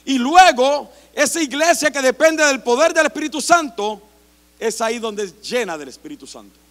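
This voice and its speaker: A middle-aged man preaching a sermon as pastor, impassioned and rising to shouts. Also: extremely high pitch, lively intonation, normal speed. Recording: long hall reverb.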